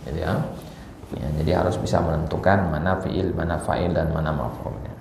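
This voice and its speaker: Gravelly-voiced man teaching in a mosque hall. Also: rumbling low, fairly quick, a little mellow. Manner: asks the class questions, then answers them himself. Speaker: Arabic teacher. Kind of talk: classroom grammar lesson. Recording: roomy hall echo with faint background noise.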